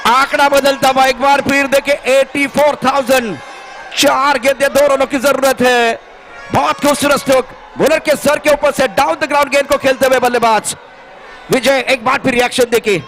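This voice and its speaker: A man with an Indian accent giving excited, exclamatory live cricket commentary as the match unfolds. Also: extremely high pitch, moderate pace, soft background music.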